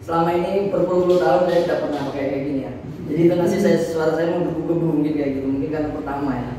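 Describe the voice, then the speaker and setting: A middle-aged man gives a casual, lively sales training talk in a meeting room, and he sounds far from the mic. His voice rings through a roomy hall with a long echo. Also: on the high side, very fast, a little hiss or hum. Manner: lively, casual, mixes in English terms, acts out customer exchanges. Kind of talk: motivational marketing talk to staff. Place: meeting room, presenting with a projector. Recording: echoey hall recording from far off.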